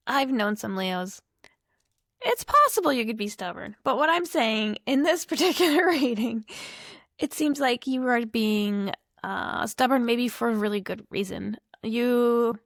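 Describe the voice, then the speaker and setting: A woman's voice: medium pitch, no echo, clean studio sound. A woman reading tarot cards to camera in a loose, rambling, apologetic way, full of asides. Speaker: tarot reader.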